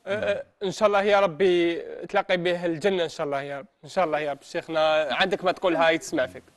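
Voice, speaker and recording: Very fast-talking young Algerian male host. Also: fairly high pitch, fairly even intonation, no echo, studio quality. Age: young adult. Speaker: TV phone-in host. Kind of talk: consoling a caller. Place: TV studio. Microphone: lapel mic.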